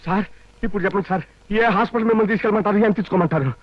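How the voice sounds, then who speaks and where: An actor playing an anxious car owner who keeps apologising and pleading, in an old film. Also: male voice, high voice, very fast, dry recording. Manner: fretful, pleading and overly polite. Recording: muffled old film soundtrack with music.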